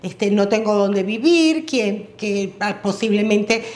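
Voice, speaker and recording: A woman hosting a conversational interview, asking measured questions with occasional hesitation fillers. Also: medium pitch, expressive, darkish tone. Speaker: interview host. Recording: roomy sound with faint music.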